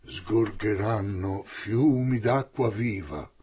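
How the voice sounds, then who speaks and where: A man reading the part of Jesus aloud, proclaiming in a husky, raised voice. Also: on the low side, slow pace, lo-fi sound, exaggerated voice. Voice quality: husky, loud and declamatory. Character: man preaching as Jesus, solemn and commanding. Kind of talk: dramatic Bible reading.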